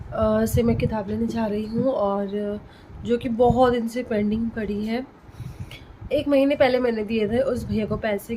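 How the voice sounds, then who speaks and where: A woman in her thirties speaks in a casual vlog, her voice sitting a little high. She tells her story with heated indignation. Faint ambient noise hums behind her. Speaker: vlogger and parent.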